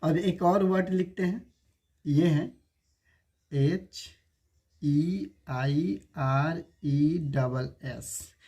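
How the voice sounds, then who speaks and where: His voice is a little high, warm and slightly rough as he leads an online spoken-English lesson. He goes slowly through words letter by letter and keeps quizzing viewers with rhetorical questions.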